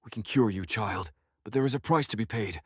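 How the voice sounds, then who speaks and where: A man voicing a sly, coaxing drow spider-creature who serves a dark god in a fantasy story. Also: fairly low pitch, a little fast, slightly rough, dry recording, clean studio sound.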